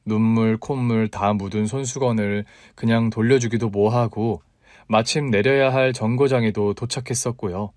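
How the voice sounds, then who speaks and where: A man narrating a first-person life story in a gentle, even reading tone. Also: fairly low pitch, normal speed, dry recording, clean studio sound.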